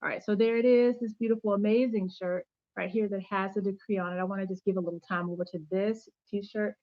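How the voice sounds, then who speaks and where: A woman's voice: mid-range voice, fairly even intonation, fast talker, no echo, dull audio. A woman hosting a casual faith-based livestream from home, chatty and upbeat, greeting viewers by name and thanking them. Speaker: channel host giving faith-based teaching.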